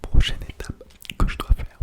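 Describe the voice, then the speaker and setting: A man whispers a casual ASMR chat very close to the mic, hushed as if quiet at night, with soft breath and lingering repeated words. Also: normal speed. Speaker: ASMR content creator. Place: small home toilet room, indoors. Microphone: close sensitive microphone without windscreen.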